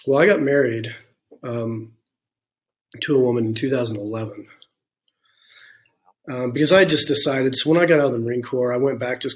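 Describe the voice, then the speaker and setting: A man's voice: mid-range voice, normal speed, pauses often. Candid man telling his life story. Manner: frank and reflective, with many "you know" and "um" fillers. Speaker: interview guest. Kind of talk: candid personal storytelling in a conversation.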